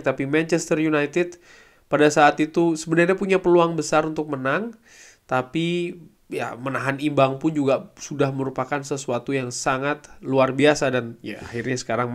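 A man's voice: a little high, a bit bright. A man, hosting a casual football review at a desk mic in a small room at home, talking conversationally with many fillers. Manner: conversational, filler-heavy, paraphrasing quotes. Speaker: football channel host. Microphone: desk microphone.

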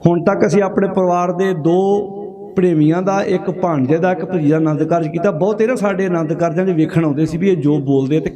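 Fiery high-voiced Punjabi preacher. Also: male voice, brisk, mellow. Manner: fiery, rhetorical questions, urging the crowd to answer. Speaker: Sikh preacher. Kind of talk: sermon to a congregation. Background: congregation.

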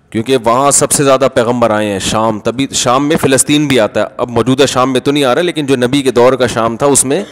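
A man giving a Friday sermon, answering questions in an explanatory, conversational way and arguing with everyday examples. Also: medium pitch. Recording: long reverb of a large hall.

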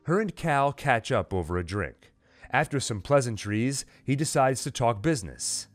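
Hosting a scripted, dramatized story recap, a man with a mid-range voice narrates at normal speed in an animated way, acting out the quoted dialogue. There's no room sound, and dramatic music and sound effects play beneath his voice.

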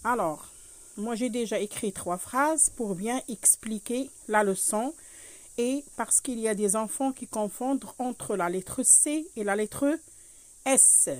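A woman's voice: fairly high pitch, slow pace, darkish tone. A woman teaching a French lesson to children, patiently going over each point again and checking in with "hein".

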